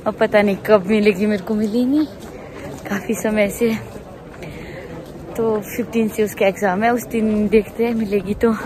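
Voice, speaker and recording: A young woman talks loudly and chattily to the camera while walking outdoors, vlogging casually. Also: mid-range voice, steady tone, normal speed, long pauses. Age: young adult. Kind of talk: casual vlog chat. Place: outdoors in a busy town street. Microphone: handheld phone camera, no mic. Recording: outdoor phone recording with crowd noise. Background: crowd chatter.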